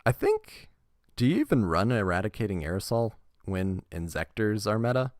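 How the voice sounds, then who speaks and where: A man with a fairly low voice, recorded close and dry with no echo or room sound, reviews trading cards at a normal speed. He's relaxed and chatty, reading the card text aloud and tossing in wry remarks and laughter.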